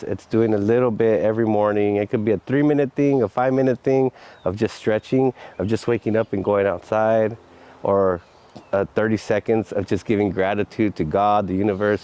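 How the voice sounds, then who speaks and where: A man's voice: fairly low pitch, dark tone, low-quality recording. A man giving earnest, encouraging talk in a motivational vlog. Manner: earnest and encouraging, with frequent laughs. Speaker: vlogger.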